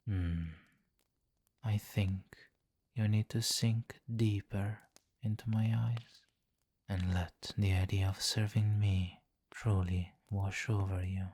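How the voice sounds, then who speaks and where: In an ASMR roleplay, a man plays a seductive, domineering vampire king, softly commanding and condescending as he coaxes in a hypnotic murmur that often drops close to a whisper. His voice sits lowish and his delivery is flat. He takes his time, and the recording is dry.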